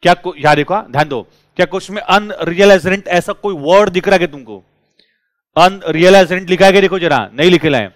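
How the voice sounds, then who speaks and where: जोशीले अंदाज़ में पढ़ाता एक पुरुष शिक्षक, साफ़ सूखी आवाज़. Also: male voice, high voice, fast, no echo. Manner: lively, drills students with repeated questions. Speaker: teacher. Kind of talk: classroom lecture.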